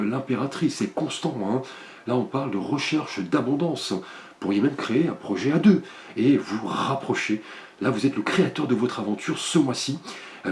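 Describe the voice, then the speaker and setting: Man, tarot card reading, gentle, filler-heavy, echoey room. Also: mid-range voice. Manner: gentle, many fillers like "euh" and "hein". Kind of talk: monthly astrology card reading. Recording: roomy echo.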